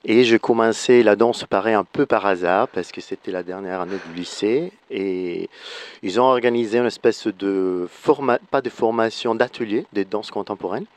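A man from Florence in his forties, a native Italian speaker with an Italian accent, talks as a guest in a radio interview. His voice sits somewhat low. He speaks thoughtfully, often restarting as he searches for the right French word. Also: dry recording. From Italy, Florence. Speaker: guest choreographer and dancer.

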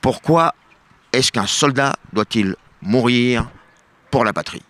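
A man's voice: medium pitch, takes it slowly, a bit bright, voice pushed up. A man voicing a stern middle-aged army general questioning his soldiers in a told joke. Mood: commanding.

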